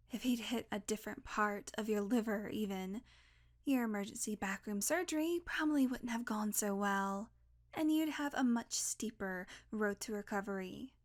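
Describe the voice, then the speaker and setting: The voice belongs to a woman portraying a centuries-old vampire, sardonic and fairly high-pitched yet near an everyday tone, speaking one-to-one in an audio roleplay. Her banter is casual, with swearing and teasing, though she grudgingly cares for the listener.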